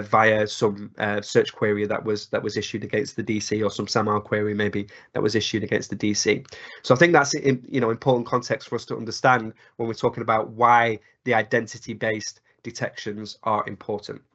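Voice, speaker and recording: A croaky-voiced man presenting a live technical webinar, explaining at length with many fillers and restarts. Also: mid-range voice, a bit bright. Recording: dull lo-fi webinar audio.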